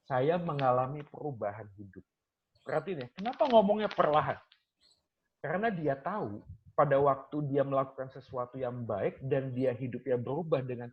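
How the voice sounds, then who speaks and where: A male lecturer in a casual talk, telling stories from his classes and acting out his students' questions in a lively way. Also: medium pitch, lo-fi sound. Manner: animated storyteller, acts out students' questions, mixes in English phrases.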